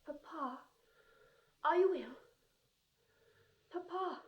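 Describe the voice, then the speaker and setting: A frightened young daughter in a 1950s radio play, earnest and pleading as she faces her father. Her voice is strikingly high and girlish. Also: extremely slow, muffled recording, heavily acted. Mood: anxious. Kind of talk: 1950s radio drama acting.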